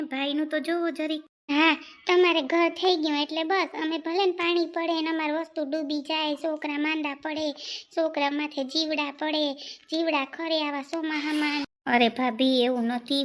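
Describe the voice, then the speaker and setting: Woman playing a defensive, high-voiced young wife. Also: close to an everyday voice. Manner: defensive, protesting. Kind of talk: comic family sketch.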